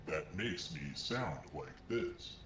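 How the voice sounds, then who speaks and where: A man talking through a voice changer that drops his voice deep, with a slow, deadpan manner while playing a tabletop game with friends. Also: roomy sound, noisy background. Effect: voice changer pitching his voice deep. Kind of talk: casual chat on a game stream.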